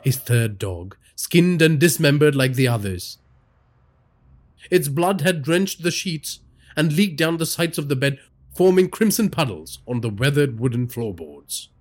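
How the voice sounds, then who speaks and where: A man's voice: on the high side, measured pace. A man narrating a scripted horror story, telling it dramatically. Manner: dramatic storytelling with lively inflection.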